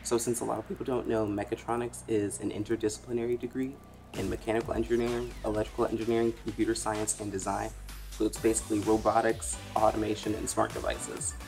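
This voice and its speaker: A man's voice: fairly low pitch, level tone, fast, vocal fry, a little mellow, soft background music. A young man starting college, matter-of-factly explaining his planned field of study. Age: young adult. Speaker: incoming college student. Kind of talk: recorded introduction.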